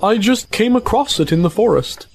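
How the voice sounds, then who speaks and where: A man's voice: high-pitched, expressive, normal speed, breathy edge, exaggerated voice. A man voicing a pompous, long-winded old male owl in an amateur family audio drama. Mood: proud. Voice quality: fussy, long-winded, self-important.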